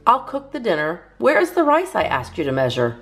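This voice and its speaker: A woman acts out a dismayed lady of the house from a children's storybook. She is flustered and exclaims with big leaps in pitch. Music plays quietly behind her. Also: wildly swooping pitch, fairly quick. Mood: brisk. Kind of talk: children's storybook character reading.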